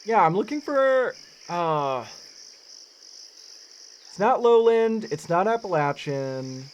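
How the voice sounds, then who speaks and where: Game streamer, goofy and playful, very animated pitch, slow pace, faint crickets. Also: muffled recording, slight background noise. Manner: playful, goofy, talks to chat. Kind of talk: casual live game commentary.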